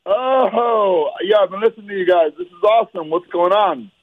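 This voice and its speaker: A man's voice: sits high, moderate pace, dry recording. A man talking casually over speakerphone on a phone line, rambling with lots of fillers and calling people "man.". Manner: rambling, filler-heavy, says "man" a lot. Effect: heard over speakerphone on a phone line. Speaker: dating show call recipient.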